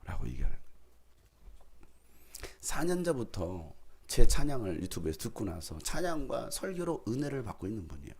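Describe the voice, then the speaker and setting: A man's voice: fairly low pitch, wildly swooping pitch, a little fast, long pauses, darkish tone, breathy edge. A middle-aged man preaching a sermon as a pastor, telling humorous anecdotes and acting out dialogue. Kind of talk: sermon with storytelling.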